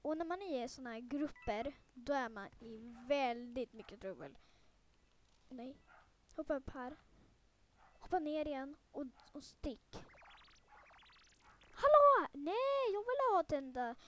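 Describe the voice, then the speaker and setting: High-voiced girl, chatty gaming commentary. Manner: chatty and rambling, many fillers, turns excitable and panicky during play. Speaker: gaming video creator. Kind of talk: casual let's-play commentary.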